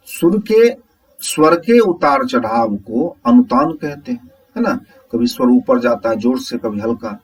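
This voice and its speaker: A man teaching a Hindi grammar lesson, explaining slowly step by step and asking the viewers whether it is clear. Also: medium pitch, distant mic, low-quality recording.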